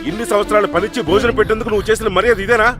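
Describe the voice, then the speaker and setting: An actor playing a stern, quick-tempered wealthy father who scolds and threatens. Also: high-pitched, steady tone, lightly acted. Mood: angry. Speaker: angry father. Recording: film soundtrack with loud music.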